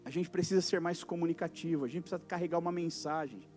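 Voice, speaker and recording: A high-pitched male pastor with a Brazilian Portuguese accent delivers a lively evangelical sermon in church. He jumps between booming lines and near-whispers and acts out everyday conversations. Soft music lingers in the background. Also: fast talker. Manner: animated preaching, acts out little dialogues, swings from loud to soft. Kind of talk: evangelical sermon to a youth service. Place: church service.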